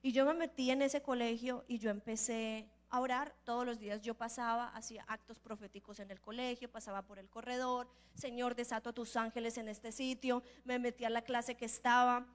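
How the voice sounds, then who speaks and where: A woman preaching at a church conference, telling a personal testimony in a lively way and acting out the people in her story. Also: fairly high pitch, a little fast, hardly any pauses. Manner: lively storyteller who acts out the voices in her stories; earnest, building to emphatic declarations. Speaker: prophet and preacher.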